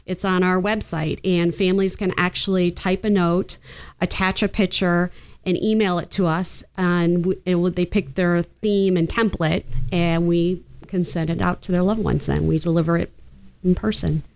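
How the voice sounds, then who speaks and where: A woman gives conversational answers as an interview guest. Her tone is crisp and clear, pitched slightly low. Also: fairly even intonation, normal speed, darkish tone. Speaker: interview guest, healthcare provider.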